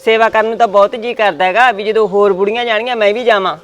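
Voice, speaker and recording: A woman's voice: medium pitch, fairly even intonation, fast talker, a little hiss or hum, lightly acted. A woman playing a timid young village wife, hesitant and complaining. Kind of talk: village short film acting.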